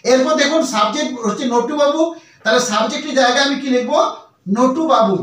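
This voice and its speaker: A man, teaching English translation slowly, repeating himself and spelling words out letter by letter. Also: extremely high pitch, a bit bright, heavy reverb, far from the mic.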